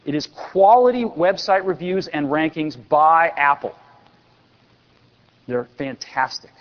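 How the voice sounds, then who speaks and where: A man's voice: on the high side, a little slow. A man in his forties giving an enthusiastic product keynote on a large convention stage, with dry sarcastic asides. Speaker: company executive presenting on stage. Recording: dull lo-fi recording with long hall reverb.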